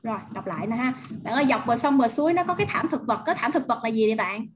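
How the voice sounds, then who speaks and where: High-voiced woman teacher with a Vietnamese accent. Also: animated, noisy background. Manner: prompting students, repeating words slowly. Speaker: English teacher. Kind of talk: online vocabulary drill.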